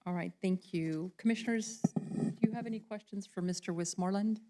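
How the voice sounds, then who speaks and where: A woman's voice: medium pitch, a little fast, warm tone. A woman chairing a county commission meeting who asks staff direct questions.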